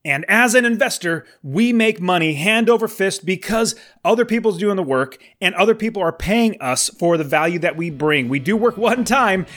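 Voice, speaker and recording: A man's voice: high-pitched, animated, moderate pace, few pauses, fairly bright tone. A man of forty hosting his podcast, talking in an enthusiastic, encouraging way, with some fillers and restarts. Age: 40s. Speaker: podcast host. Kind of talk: upbeat podcast monologue.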